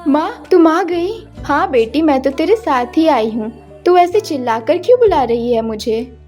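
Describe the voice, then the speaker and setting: A woman's voice: sits high, expressive, unhurried, dark tone, faint music behind. A woman voicing a loving, worried middle-aged mother in a cartoon story, speaking in a soothing, tender way.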